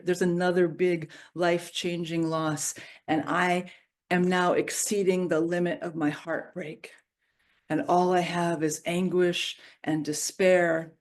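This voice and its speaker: A middle-aged woman with a lowish voice shares a personal story as a worship reflection at a church service. Her tone begins playful and gradually turns hushed and grave.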